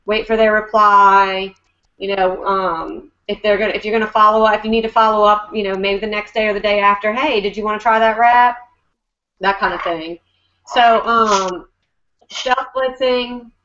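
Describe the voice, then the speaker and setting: A woman's voice: medium pitch, fairly even intonation, moderate pace, pushed and bright, highs cut off. A woman giving a casual, upbeat coaching talk as a network marketing team leader, chatty and full of fillers.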